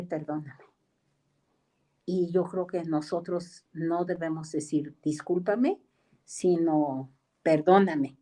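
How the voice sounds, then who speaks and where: A woman's voice: on the low side, warm tone. A woman preaching a sermon, telling stories in a conversational way and acting out the dialogue.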